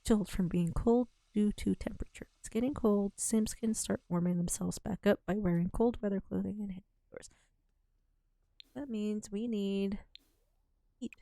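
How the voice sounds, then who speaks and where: A woman streams a game from home, talking in a loose, rambling way and laughing often between thoughts. Her voice is mid-pitched and sits on a dry, close desk mic. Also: fairly even intonation, moderate pace, creaky, warm tone, no room sound. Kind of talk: casual gameplay commentary. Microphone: desk microphone with headphones.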